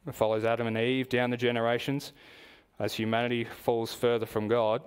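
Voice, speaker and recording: A man with an Australian accent preaching a sermon in a church, measured and explanatory, asking the congregation questions. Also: medium pitch, little pitch movement, clean tone.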